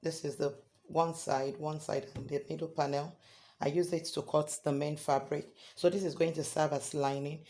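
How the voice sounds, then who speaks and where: A hoarse man teaching a sewing tutorial step by step, often checking in with "okay?". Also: a little high, little pitch movement, moderate pace, dark tone, a little hiss or hum. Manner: repeats points, ends lines with "okay?". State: hoarse from singing. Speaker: sewing instructor.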